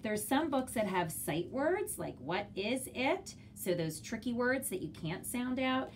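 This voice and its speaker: A woman's voice: on the high side, sing-song, a little slow, slight background noise. A woman kindergarten teacher giving parents an instructional walkthrough, explaining things simply, step by step.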